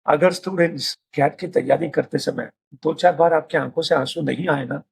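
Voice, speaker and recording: A man's voice: fairly high pitch, normal speed, vocal fry, slightly rough. A man hosting a casual panel discussion, talking straight to students and mixing in English phrases. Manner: mixes Hindi with English phrases, addresses students directly. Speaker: host.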